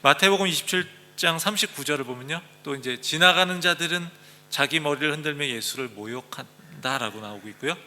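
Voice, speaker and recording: A male pastor delivers an earnest sermon, reading scripture passages aloud and then explaining them. His voice sits a little high for a man and rings very bright and forceful. It is recorded in a church with a long, lingering reverb. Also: a little hiss or hum.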